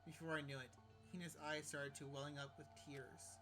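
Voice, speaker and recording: A man's voice: a little high, a little fast. A man streaming a visual novel, reading it aloud and cracking jokes at it. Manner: animated, joking asides, laughs at the game. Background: game music.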